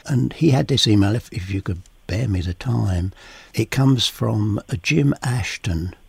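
A man hosting a podcast, chatty and relaxed, husky from a summer cold, giving practical gardening advice. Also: on the low side, measured pace, no echo. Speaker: podcast host. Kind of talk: casual gardening chat.

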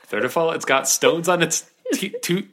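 A woman's voice: deep voice, normal speed, fairly bright tone. A woman co-hosting a podcast in casual chat, reacting with dry, wry mock disgust. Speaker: podcast co-host.

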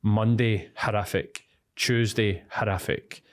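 A man's voice: on the low side, steady tone, slow pace. Blunt, slangy Glaswegian man. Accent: Glaswegian Scottish. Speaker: podcast co-host. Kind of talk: casual sweary chat.

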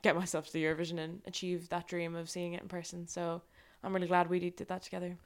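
A woman's voice: on the low side, monotone, fast. A young woman from Ireland, co-hosting a podcast in casual chat and laughing often. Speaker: podcast co-host.

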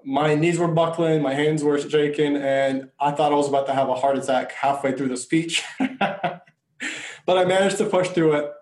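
A man's voice: a little high, steady tone, moderate pace, a little mellow, reverberant. A man from Bulgaria, a native Bulgarian speaker, telling his story earnestly as a coach and speaker in an interview. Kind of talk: conversational interview.

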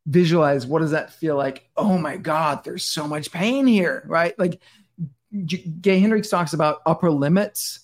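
This middle-aged Danish man speaks on the high side and a little slowly as a podcast guest. His casual interview talk is intense and rambling, full of restarts and "like".

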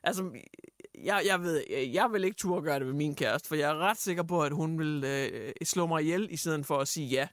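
A man hosting a casual radio show, telling stories in an animated way and acting out quotes with lots of fillers. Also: a little high, no echo, studio quality. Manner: animated storyteller, acts out quotes, many fillers. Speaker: radio host. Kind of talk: casual chat, retelling news stories.

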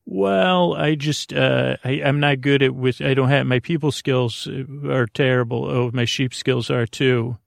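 A man with a creaky, mid-range voice, recorded at studio quality with no room sound, hosts a podcast. He delivers a rambling, whimsical bedtime monologue, halting, stammering and trailing off mid-thought amid deadpan, absurd asides.

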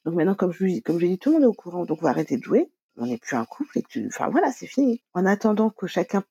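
A woman's voice: on the low side, very animated, very fast, dark tone, breathy edge, no echo, lo-fi sound. A woman telling her own story in a conversational interview, quoting dialogue, with many fillers. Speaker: guest. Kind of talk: personal testimony interview.

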